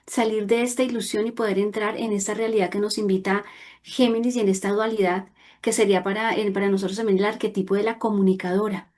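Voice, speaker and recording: A woman's voice: mid-range voice, steady tone, quick pace, a little mellow. A woman speaking earnestly in a reflective talk about personal growth, stressing points with rising emphasis. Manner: earnest, emphatic, at times raising her voice for stress.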